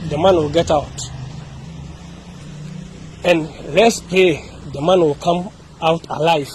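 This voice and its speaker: A Ghanaian-accented man records an impassioned message outdoors, hammering points home by repetition. His voice is high for a man, and faint traffic drifts in behind him. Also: warm tone, low-quality recording. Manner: repetitive, emphatic, with many restarts. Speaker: activist speaking to camera.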